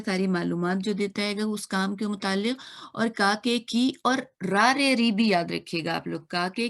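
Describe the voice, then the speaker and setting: Patiently repeating and spelling out sounds, a woman teaches a grammar class online from a video classroom. Her voice is mid-range with vocal fry.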